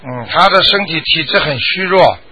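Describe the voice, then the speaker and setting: Brisk man hosting a call-in show. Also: fairly high pitch, expressive, bright, forceful tone. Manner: brisk, firm, reassuring replies. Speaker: radio advice host. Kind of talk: radio call-in talk.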